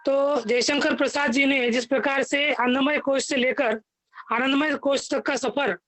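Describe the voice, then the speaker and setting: A man's voice: very high-pitched, fairly even intonation, unhurried, a bit bright, no echo. A man calling into a live video session, his voice breaking up through a clipping, distorted mic as he politely asks a question and keeps saying sir. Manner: deferential, says sir often. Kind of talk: polite earnest question to a guest. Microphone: video call mic.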